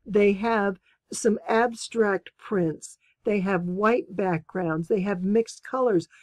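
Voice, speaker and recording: A woman's voice: medium pitch, slow, darkish tone, no echo. A woman hosting her quilting channel, chatting enthusiastically and exclaiming with delight as she unboxes and shows fabrics. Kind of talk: casual unboxing chat.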